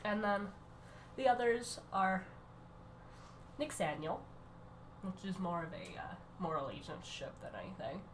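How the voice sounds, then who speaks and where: A young-sounding woman talks over her drawing footage in a loose, rambling way, losing her thread and starting over. She is sick, and her voice sits at an ordinary middle pitch. A faint noise runs underneath. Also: animated. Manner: rambling, self-interrupting, quick bursts. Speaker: art channel creator.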